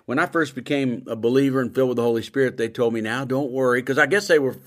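A middle-aged man preaching a sermon with emphatic swings between loud bursts and quiet asides. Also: mid-range voice, quick pace.

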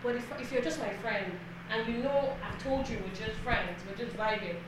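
Woman, casual group chat, frank and self-assured, slightly higher voice, very echoey room. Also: moderate pace. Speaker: panelist. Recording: very echoey room with background noise.

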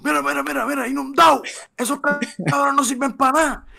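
A man imitating his older father, who mockingly shouts for his son to come look, repeating himself insistently. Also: very high-pitched, fairly even intonation, a little fast, creaky, pitched above the performer's own voice, exaggerated voice. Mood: excited mocking.

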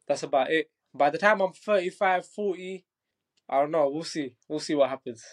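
A Bangladeshi Muay Thai fighter in his twenties chats casually as an interview guest, his voice on the high side at a moderate pace. He's laid-back, laughs easily, and keeps repeating "do you know what I mean."

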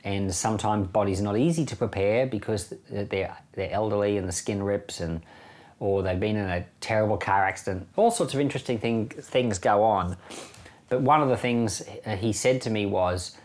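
This Bible podcast host, a middle-aged Australian pastor, talks the scriptures over informally and plainly, in a conversational way with occasional chuckles. His voice is lowish and a little mellow, at a moderate pace.

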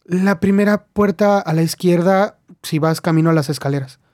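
A man's voice: moderate pace, a little mellow, dry recording, clean studio sound, natural voice. A man voicing a terrified young woman. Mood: pleading terror. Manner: high, strained and pleading.

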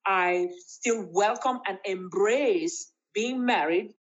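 Woman, 50s, interview guest. Emphatic, laughing delivery; slightly dull recording. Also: slow pace. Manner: emphatic and laughing, swoops up in pitch. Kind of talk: casual interview chat.

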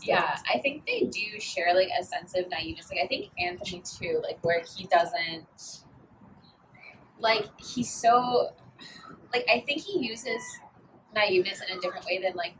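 A woman's voice: mid-range voice, expressive, normal speed, fairly bright tone, distant mic, slight background noise, low-quality recording. A young woman co-hosting a podcast, rambling casually and filling every gap with "like". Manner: rambling, heavy use of "like". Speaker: podcast co-host. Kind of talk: casual chat.

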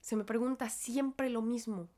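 A woman's voice: fairly high pitch, fairly even intonation, measured pace, warm tone. Mexican woman with a cold, musing aloud. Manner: chatty and self-interrupting, with many restarts. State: has a cold and a cough. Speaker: podcast host. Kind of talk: reflective solo podcast monologue.

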